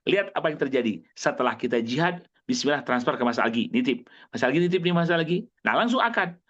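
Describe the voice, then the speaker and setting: A man preaching to his audience, emphatic and repetitive, swinging between high exclamations and low, earnest stretches. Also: lively intonation, quick pace, a bit bright. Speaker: Islamic preacher. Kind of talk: motivational religious talk to an audience. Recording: dull lo-fi recording.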